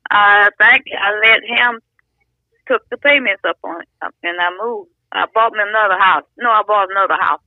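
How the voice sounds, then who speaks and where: A woman's voice: medium pitch, moderate pace, dry recording, narrow, tinny audio. A woman, chatting plainly as a guest and giving short, blunt answers. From Alabama. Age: 80s. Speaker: guest, the host's grandmother. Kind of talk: casual family chat.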